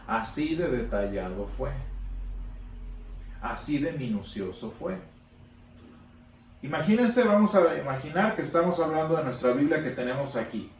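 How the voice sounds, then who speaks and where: A man teaching a Sunday school Bible class, emphatic, repeating words for stress and pausing on fillers. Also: a little high, animated. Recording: echoey room from a distance, faint background noise.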